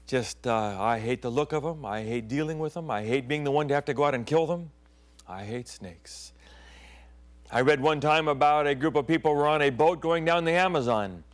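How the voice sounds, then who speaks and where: A middle-aged pastor who grew up in Thailand hosts his own program, delivering a storytelling sermon. His voice is on the high side at a moderate pace, and he often drops into hushed tones and whispers.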